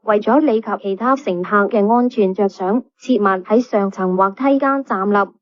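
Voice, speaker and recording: A woman's voice: medium pitch, moderate pace. Woman's announcement over a bus PA. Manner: calm, even, formal. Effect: played over a bus PA system. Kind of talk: scripted public announcement. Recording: dull lo-fi PA playback.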